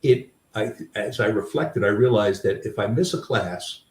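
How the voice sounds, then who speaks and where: An older man with a low voice tells candid, self-deprecating stories about himself, pausing and restarting as he reflects. His voice sits a little back from the mic. The room around him rings noticeably. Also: roomy sound, distant mic. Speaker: author and guest. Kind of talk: reflective personal storytelling.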